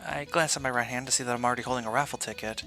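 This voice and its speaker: Man, game streamer, bright mid-pitched voice, story read-aloud, casual asides, light music behind. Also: steady tone, racing. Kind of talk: reading game text aloud with casual commentary.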